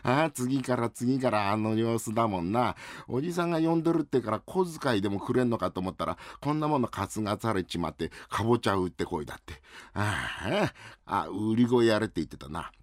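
A man voicing a slow, simple-minded easygoing young man who drawls his words, in rakugo storytelling. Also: on the low side, lively intonation, no room sound, studio quality, natural voice. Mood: chatty. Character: dim-witted easygoing young man, twenty.

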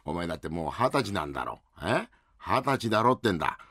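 A man doing a gruff old uncle greengrocer. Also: low voice, sing-song, quick pace, a bit bright, no room sound, clean studio sound, full character voice. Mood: bossy. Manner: scolding, rough Edo speech. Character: gruff older male greengrocer uncle, bossy. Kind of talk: rakugo storytelling.

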